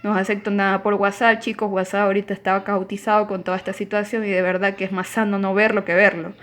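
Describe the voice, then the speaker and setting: Woman, teacher, recorded online lecture, explanatory, emphatic on key points, mid-pitched voice. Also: little pitch movement, fast, a bit bright.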